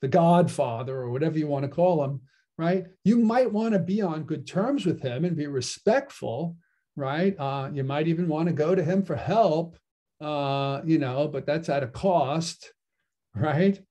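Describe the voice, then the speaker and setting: A philosophy teacher gives a casual lecture, explaining ideas conversationally and frequently checking in with "right?". His voice is a little high, unhurried, and mellow.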